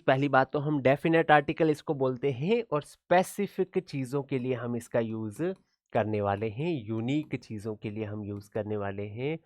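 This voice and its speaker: A man's voice: medium pitch, dry recording, studio quality. A man teaching an exam-prep class. He keeps asking check questions and acts out his students' replies. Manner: addresses students as brother, asks frequent check questions.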